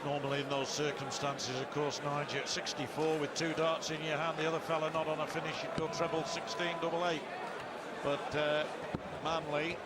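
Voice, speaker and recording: A middle-aged man giving live darts commentary in a measured, wordy way with wry turns of phrase. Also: a little high, level tone. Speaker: darts commentator, expert summarizer. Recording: very loud crowd noise behind. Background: loud darts arena crowd.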